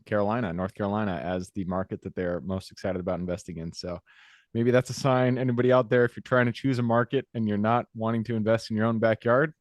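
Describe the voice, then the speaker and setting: A man hosting a podcast interview over a video call, upbeat and agreeable, with quick interjections. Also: lowish voice, no echo, studio quality. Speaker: podcast host. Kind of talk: casual interview.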